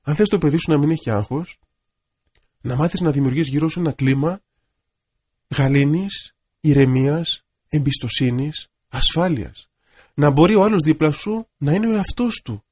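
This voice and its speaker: Gentle preaching man, fairly high voice. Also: pauses often, breathy edge. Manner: gentle, reflective storytelling with a pastoral tone. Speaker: Orthodox priest. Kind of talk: radio sermon.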